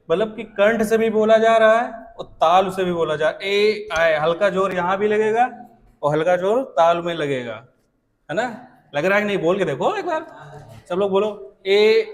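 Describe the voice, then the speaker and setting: A male teacher lectures a class in a high voice, saying each sound aloud to demonstrate it and stopping often to ask if everyone is following. His voice carries a long reverb off the hard walls of the classroom.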